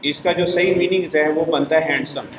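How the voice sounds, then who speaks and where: A man's voice: a little high, fairly even intonation, brisk, crowd noise. Man teaching in an echoey room. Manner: explains step by step, asking students to repeat. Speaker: Korean language teacher. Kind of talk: classroom language lesson.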